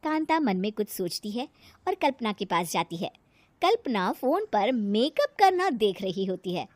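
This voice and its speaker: A woman's voice: mid-range voice, sing-song, moderate pace, no echo. A woman narrating a scripted moral story as the storyteller.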